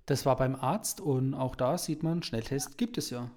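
A man hosting a podcast, talking in a calm, measured way and asking his guest questions. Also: mid-range voice. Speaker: podcast host. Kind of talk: casual podcast conversation.

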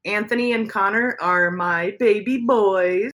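A woman's voice: medium pitch, unhurried, fairly bright tone, rough recording. A woman in her forties from the United States, chatting casually and laughing often as a family podcast host. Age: 40s.

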